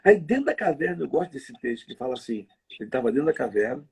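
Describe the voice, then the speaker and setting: Gravelly, husky preacher man. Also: mid-range voice. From Rio de Janeiro. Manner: lively storytelling, slangy, quick asides. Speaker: preacher guest on a livestream. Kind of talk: conversational preaching.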